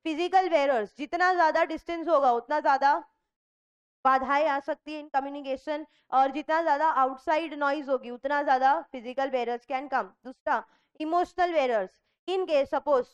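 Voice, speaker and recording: An Indian woman giving a classroom revision lecture in a lively way, questioning her students, mixing Hindi and English. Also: sits high, moderate pace, lo-fi sound. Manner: lively, asks the class questions and answers them herself. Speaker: commerce lecturer.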